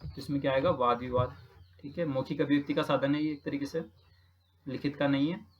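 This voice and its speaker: A man's voice: mid-range voice, fairly even intonation, fairly quick, dull audio. A man from Rajasthan who teaches, patiently talking through practice exam questions and repeating each answer with frequent check-ins. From Rajasthan, India.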